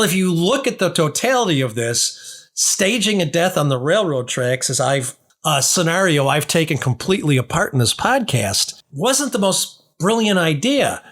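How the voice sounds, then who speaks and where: Higher-pitched man, argumentative podcast commentary. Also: a bit bright. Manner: argumentative, skeptical, rebutting points with rhetorical questions. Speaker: podcast host. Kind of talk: true-crime podcast commentary on a trial.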